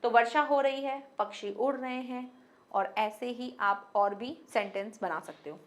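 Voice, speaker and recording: A woman's voice: fairly high pitch, measured pace. A young woman teaching Hindi grammar to students online. She works through everyday example sentences and mixes English words into her Hindi.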